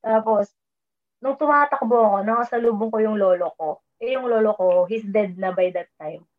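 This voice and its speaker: In a casual chat captured on a tinny, phone-like line, a woman of medium pitch and normal speed describes a dream she had. She weaves English into her speech and raises her voice for her own quoted words.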